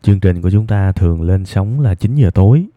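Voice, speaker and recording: Hosting an evening advice show, a man with a southern Vietnamese accent addresses listeners reflectively, keeping his tone subdued, unhurried and deliberately low, though his intonation is lively. The audio is dry and thin, band-limited like a phone line.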